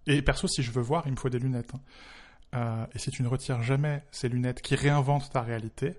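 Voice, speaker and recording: A man's voice: medium pitch, fairly even intonation, fast. A man speaking as a tech journalist in a conversational commentary, emphatic and wry. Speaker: tech journalist, podcast co-host.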